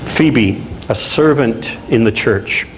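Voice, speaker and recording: A middle-aged man from Louisiana preaching a sermon as a pastor in a small chapel, talking in a conversational, animated way with asides. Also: mid-range voice, takes it slowly, noisy background. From Louisiana, USA.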